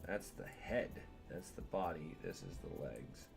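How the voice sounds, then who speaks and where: A man's voice: sits low, animated, measured pace, creaky, over music. Chatty man streaming a game at home. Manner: chatty and digressive, talks to his cat while playing. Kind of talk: casual gameplay stream commentary.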